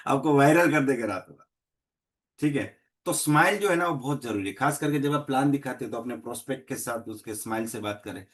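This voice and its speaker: In a meeting hall, a middle-aged man with a Gujarati accent gives a motivational network marketing training talk, telling stories and acting out dialogues in many voices for the people in them. His voice is mid-range and a little bright.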